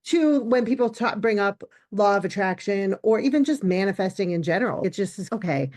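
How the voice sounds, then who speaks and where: A woman's voice: medium pitch, expressive, brisk, a little mellow. Hesitant woman podcast host. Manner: hesitant, searching for words, many fillers. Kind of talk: podcast interview.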